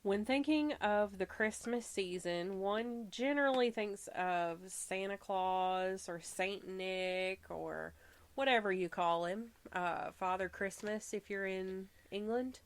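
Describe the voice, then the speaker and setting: This Southern US-accented woman hosts a podcast at a slow pace in a medium-pitched voice, reading from research notes and stepping aside for relaxed, chatty remarks. She sometimes fumbles a line and laughs it off at her own expense. The recording is dry.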